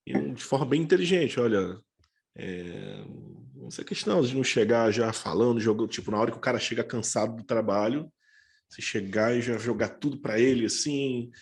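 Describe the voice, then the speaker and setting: A man in casual conversation, talking in an unhurried, rambling way. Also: mid-range voice, lively intonation, creaky.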